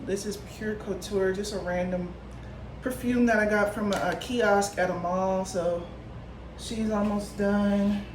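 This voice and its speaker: A woman's voice: medium pitch, fairly even intonation, a little slow. A woman in her thirties chatting casually to the camera in a vlog, rambling with lots of fillers while she gets ready at home. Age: 30s. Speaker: vlogger. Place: home room, getting ready. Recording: echoey room with clear background noise.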